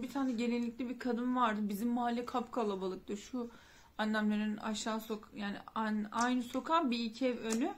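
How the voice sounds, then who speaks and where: A woman in a vlog recounting a family death, grieving and rambling, with frequent restarts and fillers. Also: fairly high pitch. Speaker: vlogger. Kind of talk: emotional personal storytelling.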